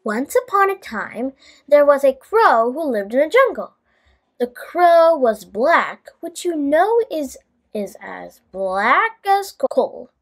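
A woman reads aloud a children's bedtime story, expressive and deliberate, in a high voice. She acts as the host, talking to young listeners.

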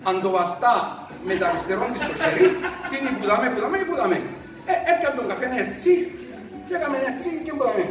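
A man with a Cypriot Greek accent telling a folksy joke in a lively, laughing way. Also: very high voice. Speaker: joke teller. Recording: echoey distant recording with music.

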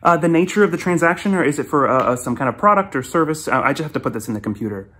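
A man's voice: on the high side, expressive, very fast, bright, forceful tone, husky, voice pushed up, full character voice. A man talking through a female voice changer on a phone call, posing as a polite female payment support agent who hesitates often with ums. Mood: fake-polite. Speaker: scam baiter on a prank call.

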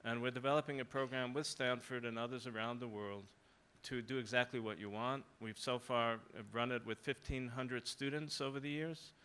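An older male professor speaking on a conference panel in a large hall, measured and persuasive. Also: mid-range voice, steady tone, fairly bright tone, clear, resonant tone. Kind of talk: panel discussion.

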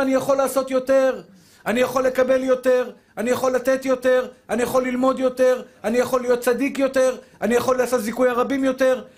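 With a strikingly high male voice, a rabbi gives a fervent sermon as a spoken Torah lesson. He repeatedly addresses his listeners as dear brothers, fires rhetorical questions at them, and acts out dialogues between the soul and God.

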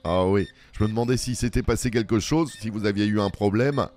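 A man with a lowish, slightly mellow voice and a brisk pace plays a shop game in his let's play. As the cashier, he improvises playful back-and-forth with customers and a boss nobody else can hear.

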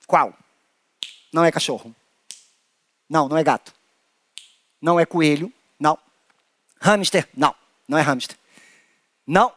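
A man with a Brazilian Portuguese accent leading a playful children's hand-play lesson, acting out animals with an animated manner. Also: no room sound, clean studio sound. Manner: animated, playful, acts out creatures in squeaky high voices. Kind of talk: playful children's lesson with acted little voices.

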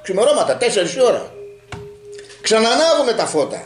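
A man's voice: sits high, sing-song, echoey room, soft background music. A man telling a long story in casual group talk and acting out the dialogue as he goes.

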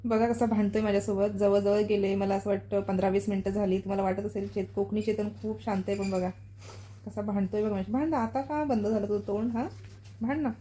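A woman's voice: mid-range voice, fairly even intonation, fast talker, dark tone, husky. A woman chatting casually and teasingly at home for her vlog, laughing often. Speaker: vlogger. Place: home indoors.

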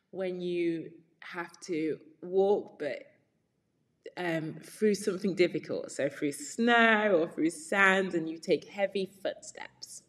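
A woman's voice: medium pitch, long reverb tail. Woman reading a children's story aloud. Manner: patient, explaining words step by step. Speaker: English teacher. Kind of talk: children's read-aloud with vocabulary explanations.

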